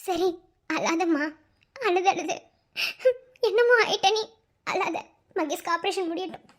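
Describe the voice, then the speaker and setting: A very high, squeaky voice of an anxious young pregnant wife, as a woman acts her out in a cartoon. She pleads and soothes in a Madurai Tamil accent. The delivery stays tender and worried. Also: unhurried, fairly bright tone. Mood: tearful. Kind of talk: cartoon voice acting.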